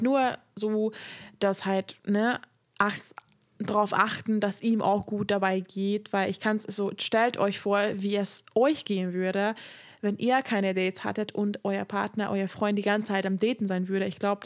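A woman's voice: medium pitch, measured pace. Chatty woman hosting a podcast. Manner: chatty, laughs often, gives relaxed advice. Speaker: podcast host. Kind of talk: casual podcast chat.

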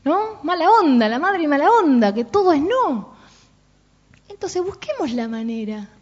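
A woman's voice: sits high, sing-song, unhurried, a little mellow. A woman with a Rioplatense accent, giving an informal parenting talk and checking in with listeners often. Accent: Rioplatense Spanish. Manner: chatty, asks "¿no?" and "¿sí?" often. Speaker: parenting workshop speaker. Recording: dull lo-fi recording.

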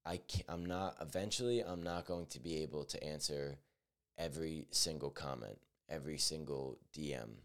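A man's voice: extremely low pitch, normal speed, a bit bright, smooth. A nineteen-year-old man hosting a solo podcast, talking earnestly and reflectively, often restarting his sentences and leaning on fillers. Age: teens. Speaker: podcast host.

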